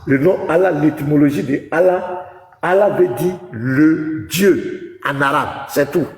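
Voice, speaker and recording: Male pastor, insistent debater, gravelly, roomy reverb. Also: a little high, measured pace, a little mellow. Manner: lecturing, insistent, talks over the other speaker. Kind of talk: heated religious debate.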